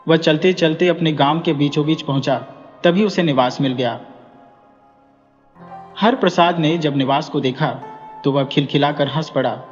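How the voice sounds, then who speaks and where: A man narrating a scripted folk story in a steady, plain manner, recorded dull and echoey with music behind. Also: fairly high pitch, moderate pace, long pauses.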